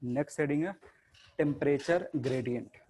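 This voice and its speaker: A man's voice: medium pitch, moderate pace, darkish tone, slight background noise. A male teacher giving a classroom lecture to students. He asks questions and answers them himself, and he mixes English technical terms into his Hindi.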